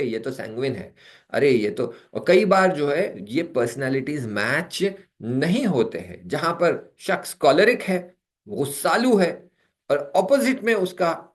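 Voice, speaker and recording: A man giving a lecture on personality types, acting out everyday stories with quoted voices. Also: mid-range voice. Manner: animated, acts out quoted voices.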